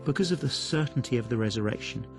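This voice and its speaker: A man presenting a scripted Bible teaching talk in an earnest, measured, reflective manner. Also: mid-range voice, lively intonation, creaky, music in the background.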